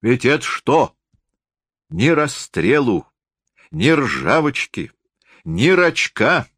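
Brief: drunk, rough old forester, played by a man, hoarse and loud, stretched slurred words. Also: medium pitch, very animated, takes it slowly, no echo, clean studio sound, pitched above the performer's own voice, full character voice. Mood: drunk blustering. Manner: hoarse, slurred folksy speech.

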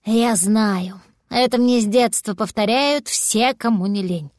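A woman voicing a stubborn, soft-hearted male cat who frets and grumbles, in a storybook reading. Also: mid-range voice, a little slow, no echo, clean studio sound, lightly acted. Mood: weary. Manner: grumbling, worried.

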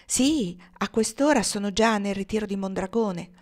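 A woman reading the lines of a young man in love who teases his sweetheart in lively, bright retorts, in a storybook. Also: mid-range voice, moderate pace, lightly acted. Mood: playful.

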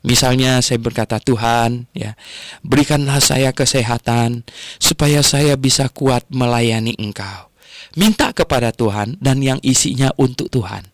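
An older man delivering a radio sermon in a dry, close studio sound. His delivery is animated, with sudden leaps up in pitch as he tells stories and presses his points. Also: unhurried, dry recording. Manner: animated storytelling, rising sharply in pitch. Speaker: radio Bible teacher.

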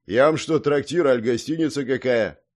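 A man voicing a gruff, mocking old hermit with a long grey beard in an audiobook, talking loudly and grumbling. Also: mid-range voice, lively intonation, normal speed, close to an everyday voice. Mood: grumpy loud. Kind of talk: audiobook character voice.

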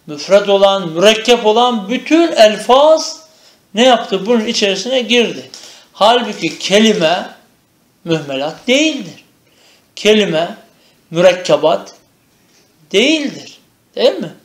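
A man teaching Arabic grammar in a traditional madrasa-style lecture, asking questions and answering them himself. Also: high voice. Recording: echoey room.

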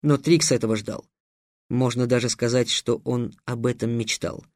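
Expressive male audiobook narrator. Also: medium pitch, moderate pace, dry recording, clean studio sound. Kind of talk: scripted narration.

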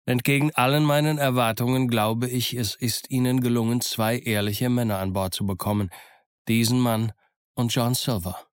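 A man reading an audiobook and voicing a level-headed doctor who speaks in a measured way. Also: mid-range voice, fairly even intonation, clean tone, no echo, clean studio sound, natural voice. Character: calm level-headed ship's doctor, middle-aged man.

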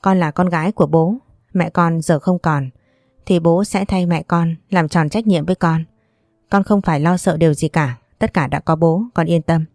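A woman's voice: on the low side, fairly even intonation, normal speed, darkish tone, no echo, clean studio sound, natural voice. A woman voicing a stern, protective older man who speaks firmly and scolds his relatives. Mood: gentle. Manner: firm, scolding.

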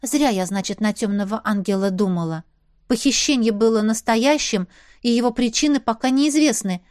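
A woman narrating a first-person audiobook in a lively storytelling way. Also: mid-range voice, dry recording, studio quality.

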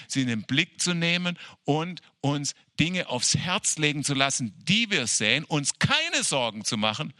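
A man preaching a sermon as pastor, animated, repeating phrases and speaking straight to his listeners. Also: a little high, no room sound, studio quality. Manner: animated preaching with repetition and direct address. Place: church evening service.

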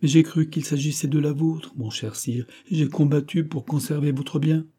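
A young noblewoman pleading passionately with a king, as a male audiobook reader gives her voice. The tone is dark and low in brightness, with a husky grain. Her lines come out impassioned in this storybook reading. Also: steady tone, moderate pace.

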